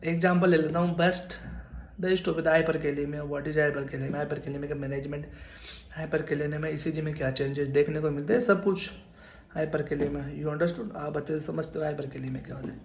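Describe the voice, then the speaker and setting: A man's voice: fairly high pitch, steady tone, moderate pace, roomy sound. Earnest young man giving exam advice. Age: 20s. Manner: earnest, repetitive, addresses viewers as brother. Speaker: nursing exam mentor. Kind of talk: casual advice talk to camera.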